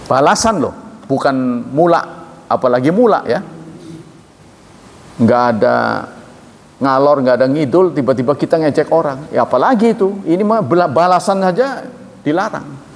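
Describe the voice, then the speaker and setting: Lively preacher in a reverberant hall. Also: male voice, moderate pace, pauses often. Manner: recites Arabic then explains, animated jumps in pitch for quoted voices. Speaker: Islamic preacher. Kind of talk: religious lecture. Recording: reverberant hall, faint noise.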